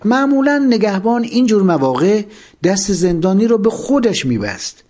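A man narrating a first-person memoir, expressive, letting his voice sink at the ends of sentences. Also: sits high.

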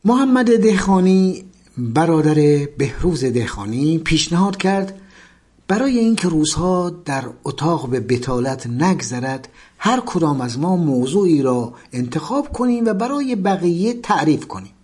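Brief: male memoir narrator, slightly high, husky, measured storytelling. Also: sing-song, a little mellow.

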